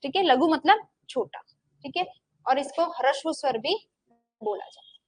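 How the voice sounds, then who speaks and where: A woman's voice: high voice, animated, normal speed, no room sound. A young woman giving a Hindi grammar lecture, often asking a question and answering it herself, and stretching vowels out to show how long they last. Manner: asks the class questions and answers them herself, repeating "ठीक है". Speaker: Hindi teacher. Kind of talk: classroom lecture.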